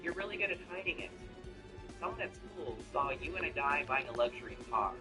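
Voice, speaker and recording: A man's voice: a little high, expressive, brisk, over music, close to an everyday voice, rough recording. A man reading the part of a young woman's nosy, teasing best friend in a narrated story. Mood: indignant.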